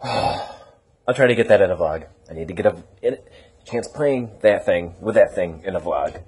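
A man's voice: deep voice, animated, moderate pace, a little mellow, a little hiss or hum. A young man vlogging casually at home, rambling and teasing his dog in a self-mocking way. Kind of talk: casual vlog chat to camera and to his dog. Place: at home, indoors.

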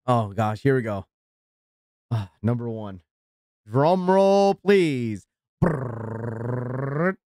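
A man's voice: medium pitch, very animated, takes it slowly, pauses often, mellow, clear, resonant tone, dry recording, studio quality. A man live-streaming, reacting in an exasperated, ranting way and thanking subscribers as he talks to his viewers.

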